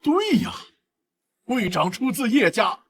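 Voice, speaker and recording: An eager, fawning hanger-on in a short drama, backing the accusers. His voice is high and lively. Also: slow, vocal fry, heavily acted. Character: fawning hanger-on who eggs on the boss.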